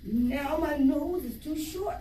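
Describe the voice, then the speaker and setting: A woman's voice: high-pitched, slow, dark tone, pitched above the performer's own voice. A woman reading to young children, voicing a boastful, gullible python in a storybook. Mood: straining. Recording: roomy, distant mic, faint noise.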